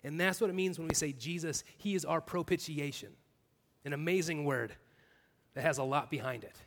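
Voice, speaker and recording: A man's voice: fairly high pitch, fairly quick, in a large hall. A man preaching a sermon as pastor, earnest, building his points in repeated clauses. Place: church.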